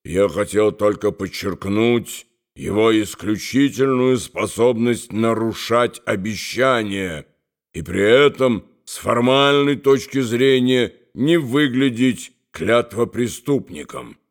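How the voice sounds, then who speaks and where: A man reading a novel aloud as an audiobook narrator, with an unhurried, even storytelling delivery. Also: lowish voice. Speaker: audiobook reader.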